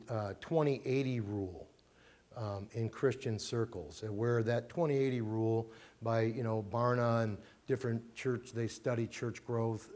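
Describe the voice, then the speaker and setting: A middle-aged pastor with a medium-pitched, dark voice gives an informal family talk to his small church congregation. He is chatty, using many fillers, restarts and emphatic repetitions. The sound comes from a handheld mic picked up by a distant camera.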